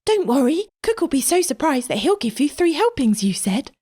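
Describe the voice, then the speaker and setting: Woman doing a high-voiced indignant schoolboy. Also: lively intonation, brisk, breathy edge. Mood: raging. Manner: indignant, high boyish delivery. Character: angry schoolboy, usually quiet and timid.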